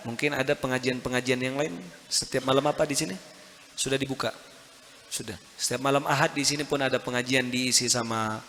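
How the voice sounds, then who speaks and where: A man preaching a mosque sermon, emphatic, with sudden high rises and rhetorical questions to the crowd. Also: a bit bright, big-room sound, slight background noise. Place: mosque hall.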